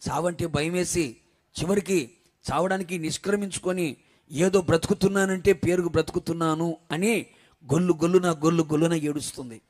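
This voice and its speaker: A man pastor preaching a storytelling sermon, dramatic, asking the congregation questions and sometimes shouting. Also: a little high, fairly even intonation, brisk.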